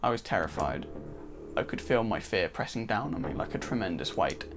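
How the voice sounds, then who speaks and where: A man's voice: lowish voice, lively intonation, fairly quick, music in the background. Man reading game text aloud. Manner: dramatic storybook reading with casual asides. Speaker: let's play host reading narration.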